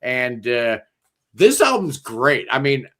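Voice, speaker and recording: A man's voice: mid-range voice, very animated, slow pace, fairly bright tone. A man hosting a casual podcast panel, talking enthusiastically and jokily with lots of fillers. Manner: enthusiastic, jokey, loose with fillers. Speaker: podcast host.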